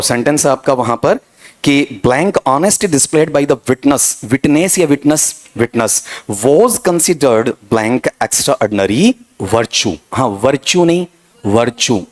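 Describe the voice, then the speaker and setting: A man teaching an English grammar lesson, quizzing his students and drilling pronunciation. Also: on the low side. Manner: drilling, questioning students, calls them beta ji. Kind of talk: exam coaching lesson.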